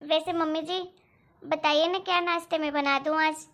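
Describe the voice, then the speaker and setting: A woman voicing a dutiful young daughter-in-law who speaks politely and softly, eager to please, in a cartoon story. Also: high-pitched, fairly even intonation, normal speed. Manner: polite, soft-spoken, anxious to please.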